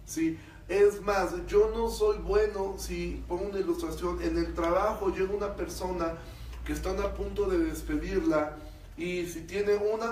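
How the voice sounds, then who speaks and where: A man's voice: high voice, a little mellow, a little hiss or hum. A man with a Mexican accent, a pastor teaching a Bible class in an explanatory way, often checking that his listeners follow. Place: church meeting room. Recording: echoey room, voice from far off.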